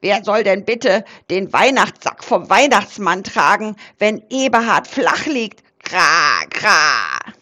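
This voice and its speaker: A flustered male raven , as a woman storyteller puts him on squawks his worries in a slightly lower, louder voice, tacking a croaked "kra, kra" onto each sentence. The delivery is slow and swings widely up and down, dramatic as in a storybook. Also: sing-song, full character voice. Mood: alarmed. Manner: agitated and dramatic.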